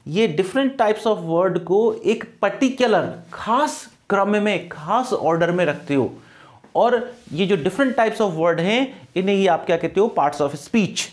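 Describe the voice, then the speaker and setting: Indian man teaching grammar with question-answer drills. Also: high voice. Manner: asks questions then answers them himself; mixes Hindi and English, drills pronunciation. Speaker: English teacher. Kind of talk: exam-prep grammar lesson.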